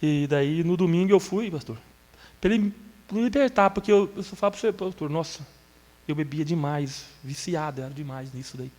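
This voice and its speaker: A man's voice: on the high side, normal speed. Earnest man telling his story in a hall. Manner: earnest, storytelling, breaks into tears and shouts when moved. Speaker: church member giving testimony. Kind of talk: emotional testimony in an interview.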